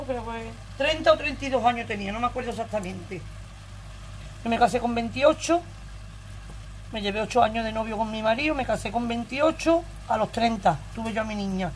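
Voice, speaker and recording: Andalusian lady in her 40s spilling a wild story, swears a lot, kinda high voice. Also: slight background noise. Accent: Andalusian Spanish. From Andalusia, Spain. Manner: earthy, blunt and emotional, swears freely. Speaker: vlogger. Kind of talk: casual storytelling to viewers.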